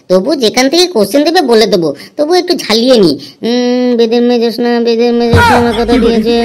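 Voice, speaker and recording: Bragging young cartoon guy cramming, woman doing the voice, hums a lot, highish. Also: slight background noise, natural voice. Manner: bragging, reciting rhymes with hums. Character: boastful cramming young man studying. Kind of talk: cartoon voice acting.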